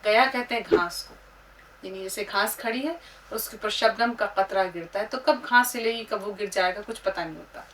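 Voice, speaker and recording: A woman teaching how to write and pronounce words, spelling out letters and syllables slowly and reciting couplets. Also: medium pitch, fairly bright tone. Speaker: Urdu teacher. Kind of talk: slow script-writing lesson. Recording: distant mic with faint room noise.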